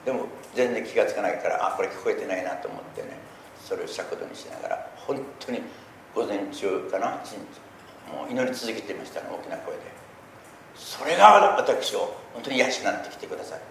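A middle-aged man preaching a sermon, talking earnestly and swelling loudly on key points. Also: fairly low pitch, big pitch swings, fairly quick, vocal fry. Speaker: pastor. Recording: echoey room with faint noise.

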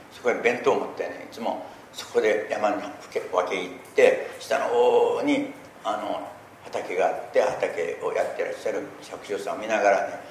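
A middle-aged man preaching a sermon, talking earnestly and swelling loudly on key points. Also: on the low side. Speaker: pastor. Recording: echoey room with faint noise.

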